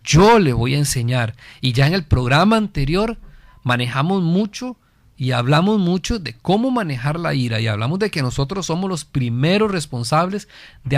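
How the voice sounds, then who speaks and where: A man's voice: on the high side, dry recording. A man from Costa Rica with a Costa Rican accent, hosting a family guidance program and lecturing earnestly on parenting, often asking himself questions and answering them. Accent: Costa Rican Spanish. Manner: earnest, rhetorical questions, repeats phrases for emphasis. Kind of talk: didactic talk on parenting.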